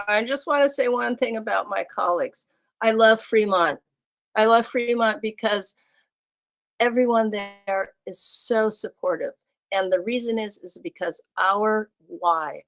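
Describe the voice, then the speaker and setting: A woman's voice: mid-range voice, slow, creaky, rough recording. A woman who teaches second grade, telling personal classroom stories in a livestreamed talk and acting out her exchanges with students. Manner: acts out classroom scenes with her students, lively and animated.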